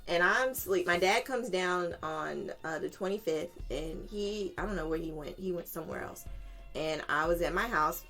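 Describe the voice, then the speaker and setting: Animated woman telling a story. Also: on the low side, normal speed, soft background music. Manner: animated, acts out quoted voices with swearing and laughter. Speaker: guest. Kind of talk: candid conversational storytelling.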